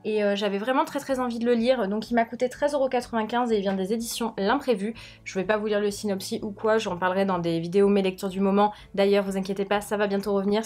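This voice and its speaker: A young woman presenting books to camera in a chatty, informal and gushing way. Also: medium pitch. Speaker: book vlogger. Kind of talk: casual book haul presentation to camera.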